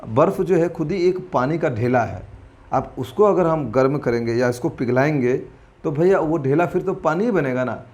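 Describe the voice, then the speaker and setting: A man's voice: a little high, a little mellow, dull audio. Chatty male teacher explaining quiz answers. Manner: chatty and informal, addresses viewers as friends and brother; thinks aloud and corrects himself mid-answer. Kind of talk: exam-prep lesson walking through quiz questions.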